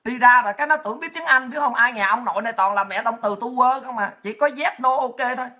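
A woman's voice: a little high, fast talker, sharp tone. A woman, telling a crude, mocking story and ranting at her viewers in a monologue full of profanity.

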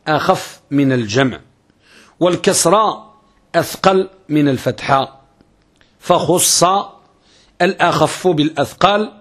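High-voiced man lecturing. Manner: poses rhetorical questions and repeats key phrases. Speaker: Islamic scholar teaching Arabic grammar. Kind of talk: classroom lecture.

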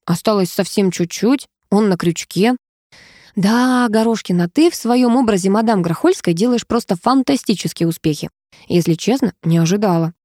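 A woman voicing a chatty, teasing young female friend who talks in a quick, mocking, gossipy way. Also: on the high side, mellow, no echo, studio quality, voice pushed up.

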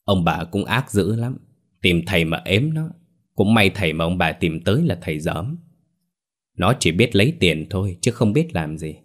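A man playing an older spiritual master who speaks calmly and with authority. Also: low voice. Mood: stern calm. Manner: calm, measured, authoritative. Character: older male spiritual master, calm and stern.

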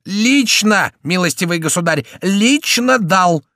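A man puts on a sardonic, quick-tempered middle-aged jester in a storybook reading, his voice pushed well above the reader's own pitch. He exclaims with lively swings and sits in a dry, close sound. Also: dry recording. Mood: furious. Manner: raised, exclaiming, impatient.

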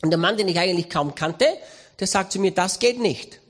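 A man, a missionary preacher giving a lively sermon with stories and raised emphasis. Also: sits high, fast talker. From Austria. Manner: animated, storytelling, raising voice for emphasis.

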